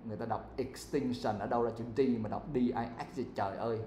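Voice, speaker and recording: Thầy giáo giọng việt dạy tiếng anh trên lớp, hỏi bài học sinh liên tục, phòng vang vang hơi ồn. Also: male voice, mid-range voice, steady tone, fast talker, dark tone. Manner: quizzing students, switching between English and Vietnamese. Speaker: English teacher. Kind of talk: live classroom lesson. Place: classroom. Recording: echoey room with faint background noise.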